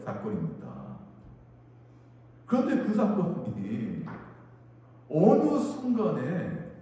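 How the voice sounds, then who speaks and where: Male pastor, high lively voice, preaching in a big reverberant hall, mic far off. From Korea. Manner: animated, acts out crowd chants. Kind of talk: sermon. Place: church sanctuary. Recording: echoey church hall from far off.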